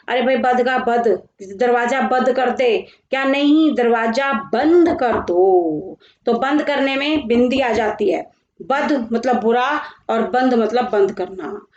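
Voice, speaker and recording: Woman teacher, slow and deliberate, pitched a little high, roomy and slightly dull recording. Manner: slow, deliberate, spells out word lists one by one. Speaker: Hindi teacher. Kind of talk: classroom grammar lesson.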